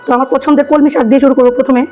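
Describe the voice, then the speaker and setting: Hoarse, fast-talking woman food vlogger. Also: sits high, level tone, dull audio, soft background music. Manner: chatty, enthusiastic, repeats herself. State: hoarse from a cold. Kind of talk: casual food-tasting vlog.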